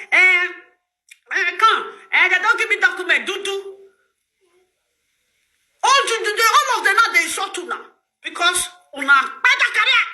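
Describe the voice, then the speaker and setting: A middle-aged Nigerian woman ranting to her viewers in pidgin, loud and laughing as she scolds. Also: very high-pitched, reverberant. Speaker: social media host. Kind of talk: animated pidgin rant to viewers.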